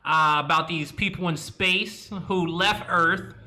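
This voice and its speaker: A man's voice: fairly high pitch, steady tone, takes it slowly, pushed and bright. A man hosting a casual interview, easygoing and asking follow-up questions. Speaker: show host.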